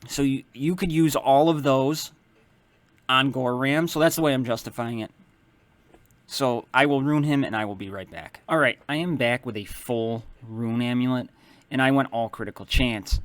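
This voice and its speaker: A man talks through a game character setup in a loose, explanatory way, often stopping to correct his own wording. His voice sits at an ordinary middle pitch. It is recorded dry and close, with no room sound. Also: moderate pace, no echo. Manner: relaxed, explanatory, starts many lines with "so"; self-correcting, loose phrasing. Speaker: mobile game guide maker. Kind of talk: casual game strategy walkthrough.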